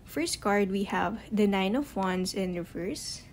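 A woman doing a casual tarot card reading to camera, talking haltingly with many fillers and restarted sentences. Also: mid-range voice, expressive, darkish tone, slight background noise. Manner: halting, heavy use of "you know" and "um" fillers; admits to stuttering, restarts sentences. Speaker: tarot reader.

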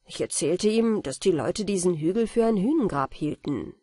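Storybook narrator, woman, husky, calm bedtime reading, dry. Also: fairly low pitch, normal speed, dry recording. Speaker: audiobook narrator.

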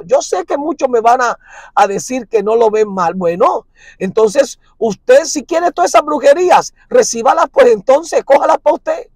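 A man preaching a sermon as an apostle, forceful and repetitive with emphatic repeated phrases. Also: extremely high pitch, no room sound.

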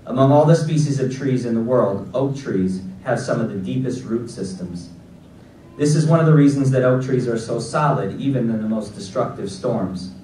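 A man in his forties from Los Angeles giving a graduation keynote speech at a podium, with a measured, deliberate delivery from a prepared text. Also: mid-range voice, warm tone, slight background noise. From Los Angeles, United States. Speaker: keynote speaker. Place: large auditorium stage at a podium. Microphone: podium mic, recorded by a far audience camera. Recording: echoey hall recorded from far back.

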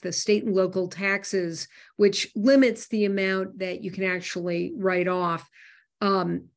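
A woman talks through a money webinar in a mid-range voice. Her delivery is loose and conversational, full of "um" and "you know" and small restarts. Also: medium pitch. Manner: conversational with frequent fillers and restarts. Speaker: host. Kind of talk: webinar talk on personal finance.

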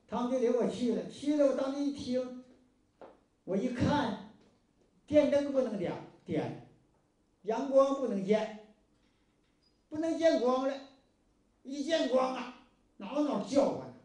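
High-voiced Northeastern Mandarin man, echoey. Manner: homespun and lively, acting out dialogue. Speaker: moral lecturer. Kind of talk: folksy storytelling lecture. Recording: very echoey room, mic far off.

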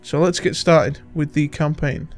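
A man's voice: a little high, fairly even intonation, unhurried, faint music behind. Chatty young man narrating a game. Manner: chatty, filler-heavy, self-deprecating. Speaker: let's play host. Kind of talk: casual gaming commentary.

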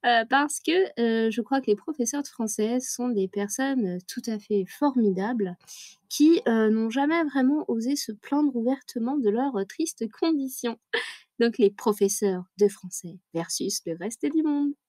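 A woman's voice: on the high side, measured pace, darkish tone, no room sound. A woman who teaches French, chatting in a casual vlog, tired at the end of her day, self-mocking, with many fillers and laughs. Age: adult career changer.

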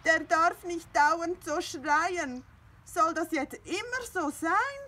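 A woman voicing a grumpy, jealous little male cat who talks in a sulky, whiny, loud way, reading a storybook aloud. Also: high-pitched, very animated, slow pace, voice pushed up, heavily acted.

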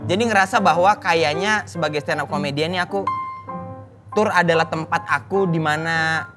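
High-voiced joking talk show host. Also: male voice, moderate pace, over music. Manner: joking, respectful, addresses guest as Bang and Pak. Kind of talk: casual talk show chat. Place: TV studio set.

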